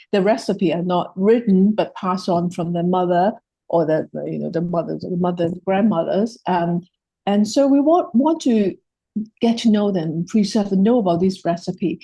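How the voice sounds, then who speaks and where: Speaking in a fairly low, mellow and slightly rough voice, a native Cantonese speaker with a Hong Kong accent gives a project presentation. She hesitates often, restarting and using many fillers. The audio is poor but has no echo.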